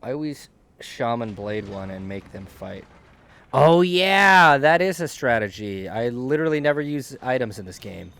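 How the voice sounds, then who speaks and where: A man chatting casually while streaming a video game. He rambles, restarts his sentences and lets them fade off. His pitch sits in the middle. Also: very animated, moderate pace, creaky. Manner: rambling, restarts often, trails off quietly. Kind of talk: casual chat.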